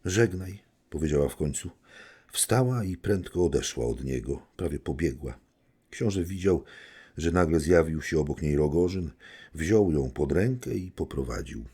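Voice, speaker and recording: A man reading a classic novel aloud as an audiobook narrator, measured and steady. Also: extremely low pitch, breathy edge. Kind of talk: scripted literary narration.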